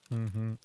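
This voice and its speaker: A young Irish man streaming a shooter game with a friend, excitable, swearing and laughing at himself. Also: slight background noise. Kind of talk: gameplay commentary with a friend.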